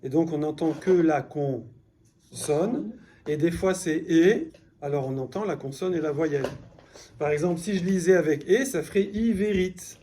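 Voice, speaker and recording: A man's voice: fairly high pitch, normal speed, dark tone, a little hiss or hum. A man teaching a beginner Hebrew class in French, explaining patiently and checking with his students as he goes. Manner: explains patiently, repeats key words, asks "d'accord?". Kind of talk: classroom lesson.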